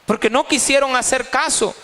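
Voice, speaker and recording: Male pastor, high bright voice, emphatic sermon in a reverberant church hall. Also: normal speed. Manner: emphatic preaching, repeating key phrases. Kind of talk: sermon at a Bible study.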